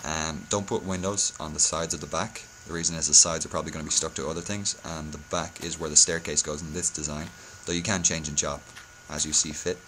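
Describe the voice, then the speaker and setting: A man's voice: a bass voice, steady tone, a little fast, hardly any pauses, pushed and bright, a little hiss or hum, poor audio. A hungover man giving a casual game-building tutorial, speaking hesitantly and often correcting himself. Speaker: video tutorial host.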